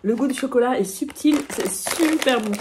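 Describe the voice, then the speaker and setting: A bubbly woman chats to the camera as she unboxes a parcel, her voice sitting a little high. She gets excitable and giggly. A faint background hiss runs under the recording. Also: moderate pace. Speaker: vlogger. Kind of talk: casual unboxing vlog.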